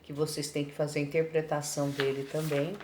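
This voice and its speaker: A woman's voice: low voice, flat delivery, fairly quick, a little mellow. A Brazilian woman teaching a remote lesson, patiently explaining homework and checking in after each point. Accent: Brazilian Portuguese. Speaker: schoolteacher. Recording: echoey room with faint background noise.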